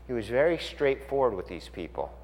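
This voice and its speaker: Animated preacher man in a reverberant hall. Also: mid-range voice, fairly quick. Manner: animated, swings from loud exclamations to quiet explanation. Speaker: pastor. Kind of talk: sermon.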